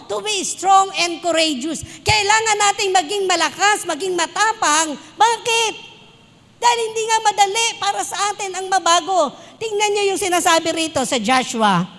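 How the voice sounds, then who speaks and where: A woman's voice: very high-pitched, a bit bright. A Filipino woman preaching a church sermon, switching between Tagalog and English and telling personal stories. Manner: mixes Tagalog and English, tells anecdotes with laughs. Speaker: pastor. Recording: long hall reverb.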